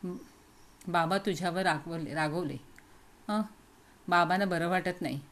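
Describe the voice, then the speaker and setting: A woman voicing a sorrowful queen mother speaking to her small son in a low, soft, tearful voice. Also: unhurried.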